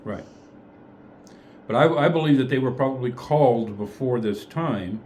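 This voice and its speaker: A man's voice: mid-range voice, animated, moderate pace, a little mellow, a little hiss or hum. A man leading a casual group Bible study, thinking aloud in a tentative way and often correcting himself.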